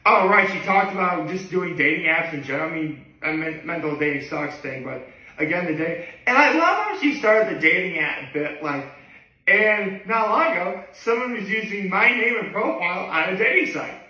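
A daily video blogger rambles casually to camera from his living room, his bright voice high-pitched and expressive at a normal speed. He's hesitant and digressive, often backtracking. The camera is a few feet away, so the audio sounds distant and echoey.

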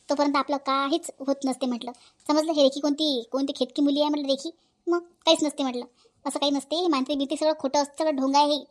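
A woman's voice: high voice, lightly acted. A woman with a Vidarbha Marathi accent voicing Priyanka, a confident young village woman who lectures and scolds in a cartoon. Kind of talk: cartoon voice acting.

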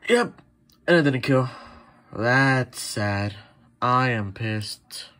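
A man's voice: medium pitch, very slow. A young man reacting live to his game, swearing and blurting out bursts. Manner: swearing, excitable outbursts. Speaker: gamer recording his play.

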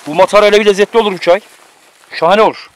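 A man's high voice, steady in tone and very fast, runs a bossy, teasing commentary at a friend while cooking outdoors on a mountain. It's casual chat picked up by a camera mic.

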